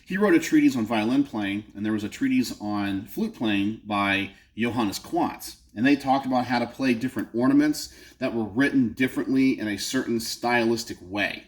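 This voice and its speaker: This Texan channel host has a nasal, mid-range voice and talks at a moderate pace with hardly any pauses. Speaking off the cuff into his phone camera in a home garage, he fills his casual vlog talk with frequent ums and asides.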